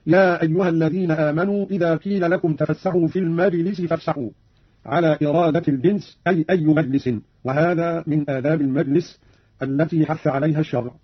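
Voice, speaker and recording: Male radio presenter, husky and fairly high, formal didactic delivery, old broadcast sound. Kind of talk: scripted explanatory narration. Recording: dull old radio recording.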